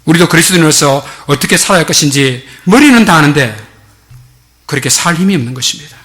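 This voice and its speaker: A man's voice: fairly high pitch, animated, fast talker, fairly bright tone. A male pastor preaching a sermon in a church, emphatic and exhorting, repeatedly calling out to his congregation. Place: church sanctuary.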